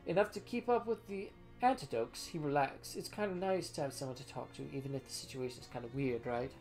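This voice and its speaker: A man's voice: medium pitch, fairly quick, a little mellow, lightly acted. A man voicing a shifty, sheepish small-time thief in a game, defensively explaining himself. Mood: sheepish, confiding. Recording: music behind the voice.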